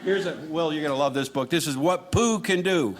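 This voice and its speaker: Over a noisy crowd, this male comic speaks briskly in a fairly high-pitched voice, aiming dry, sarcastic remarks at his audience. The live comedy recording is loud with laughter and background noise.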